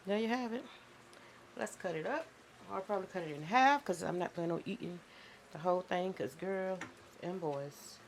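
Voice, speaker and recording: A woman's voice: fairly low pitch, normal speed, slight background noise. A woman hosting a casual cooking vlog in her home kitchen, chatting folksily to her viewers. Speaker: cooking channel host.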